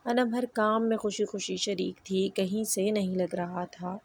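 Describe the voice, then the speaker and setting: A woman narrating an emotional first-person story in an even, measured way. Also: mid-range voice, slightly rough, no echo.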